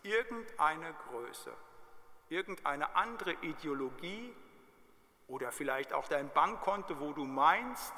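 Bright-voiced male pastor preaching in a reverberant church. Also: on the high side, animated, slow pace. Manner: emphatic, repeats key words, asks the congregation direct questions. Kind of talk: sermon.

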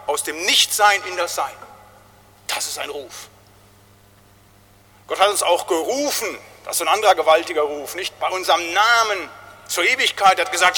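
A man's voice: on the high side, sharp tone. A pastor preaching a sermon to his congregation, often tagging lines with a questioning aside and building to emphatic calls. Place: large church. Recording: long church reverb.

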